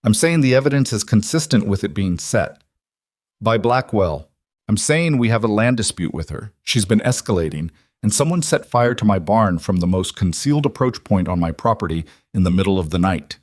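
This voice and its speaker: A man doing a guarded frontier rancher, clipped and measured, low and dry. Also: lively intonation, no room sound. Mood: steady. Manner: terse, measured. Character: guarded, steady rancher husband.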